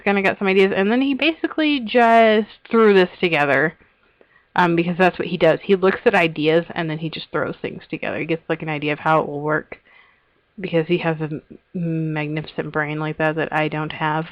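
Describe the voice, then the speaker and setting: A woman's voice: fairly low pitch, brisk, no room sound, lo-fi sound. A woman casually narrating a tour of her game world, chatty and giggly, often trailing off and restarting her sentences. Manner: chatty, giggly, self-interrupting. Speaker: Minecraft server host giving a tour. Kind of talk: casual rambling vlog narration.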